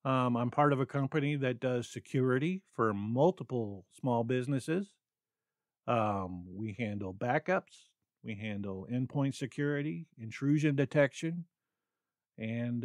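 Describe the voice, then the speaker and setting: Male podcast host, mid pitch, rambling and stammering, dead-dry close-mic sound. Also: a little slow, no room sound. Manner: rambling, stammering with many fillers. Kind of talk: unscripted solo podcast talk.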